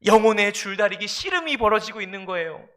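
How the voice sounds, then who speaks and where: A man's voice: high voice, lively intonation, fast, fairly bright tone. A male pastor preaching a sermon, speaking emphatically, repeating his phrases and addressing the congregation directly.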